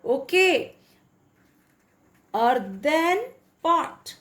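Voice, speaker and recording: A woman teacher explains grammar, drawing each word out very slowly. Her high voice swoops up and down as she repeats examples. She keeps stopping to check that her students follow. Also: lively intonation, a bit bright. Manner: slow, drawn-out, repeats words and checks understanding. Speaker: English teacher.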